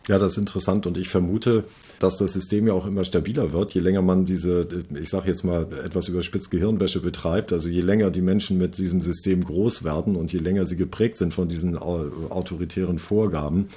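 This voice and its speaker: A man's voice: low-pitched, fairly even intonation, brisk, mellow, breathy edge. A man conducting an interview, asking long conversational questions with many fillers. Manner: conversational, thinking aloud with fillers.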